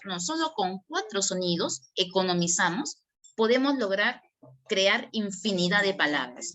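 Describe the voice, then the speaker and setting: A woman's voice: mid-range voice, fairly bright tone. A woman giving an online language lesson as a teacher, asking and answering her own questions as she explains.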